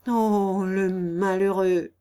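A woman voicing a timid, excitable male bailiff who cries out in drawn-out exclamations. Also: mid-range voice, clear, resonant tone. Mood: agitated.

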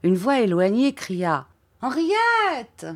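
A woman narrating a classic novel in a measured, unhurried reading voice. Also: on the low side, a little mellow, no echo. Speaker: audiobook narrator. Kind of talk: scripted literary narration.

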